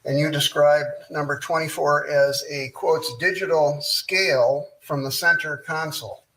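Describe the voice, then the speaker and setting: A man working as a defense lawyer, heard in a courtroom recording, cross-examining a witness in a measured, methodical way with frequent pauses. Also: fairly high pitch, steady tone, noisy background. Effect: courtroom recording played into the show.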